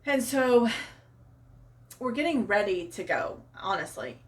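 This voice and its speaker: A Southern-accented woman spins an animated personal story in a casual, chatty way. Her voice sits a little back from the microphone, giving a slightly distant sound, at an ordinary pitch for a woman. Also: a little slow. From Arkansas, US. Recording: voice a bit far from mic.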